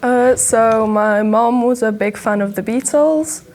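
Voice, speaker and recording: A seventeen-year-old woman talking casually, relaxed with frequent pauses. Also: fairly high pitch. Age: young adult. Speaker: interviewee. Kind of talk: casual chat.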